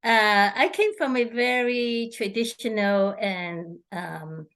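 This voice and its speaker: Answering an interviewer, a middle-aged feng shui consultant from Hong Kong stumbles along with lots of fillers and restarts. She speaks at a medium pitch, and her voice is a bit bright.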